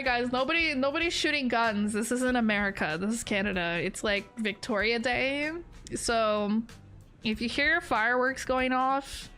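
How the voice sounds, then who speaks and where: A woman streamer talks over a game in a high, lilting voice, taking her time with each line. She is giggly and playful, chatting straight to her viewers. Faint music runs underneath her home desk-mic sound. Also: a bit bright. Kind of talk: casual gameplay commentary.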